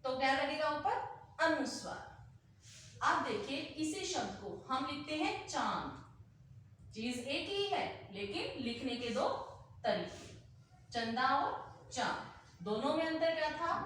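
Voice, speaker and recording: A woman teacher explaining a grammar lesson slowly, repeating example words aloud to demonstrate. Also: sits high, fairly bright tone, a little hiss or hum. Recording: very echoey room, heard from a distance.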